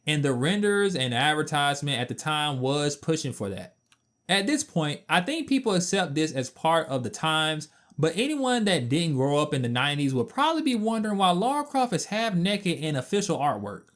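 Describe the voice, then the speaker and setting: A man in his twenties giving a casual, opinionated game review with blunt, emphatic asides. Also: fairly high pitch. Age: 20s.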